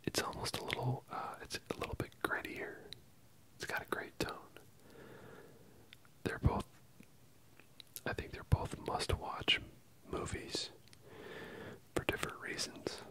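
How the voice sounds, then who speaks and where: Someone whispering softly and closely from ear to ear, giving a casual ASMR film review with hesitant pauses. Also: low-quality recording. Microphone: close stereo microphone, ear-to-ear panning.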